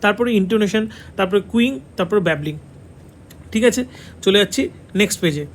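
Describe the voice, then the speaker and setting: A man with a Bengali accent teaches an online exam-prep lesson in a high voice, going over each answer more than once and checking in with his students. Faint noise sits under the recording. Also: expressive, a little fast. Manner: repeats key answers, checks in with "ঠিক আছে". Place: classroom with a board.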